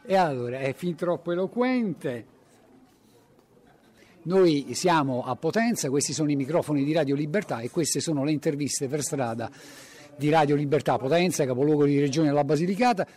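A man's voice: on the high side, moderate pace, a little mellow. A man doing vox-pop interviews for radio in a chatty, teasing way. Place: outdoors in city streets.

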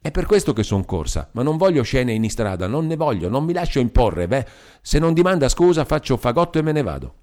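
A man's voice: brisk, lightly acted. A man reading an audiobook, voicing a bold, fiery young wife in a raised, scornful tone. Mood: feisty. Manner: lively, scornful, raised pitch. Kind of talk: audiobook character voice.

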